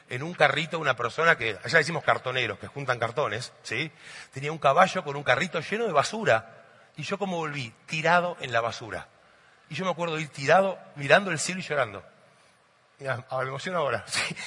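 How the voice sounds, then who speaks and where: A middle-aged man from Argentina with an Argentine Spanish accent, a motivational speaker and coach telling animated stories to an audience and often asking "¿sí?". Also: on the high side, husky. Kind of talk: storytelling talk to a live audience. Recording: long hall reverb.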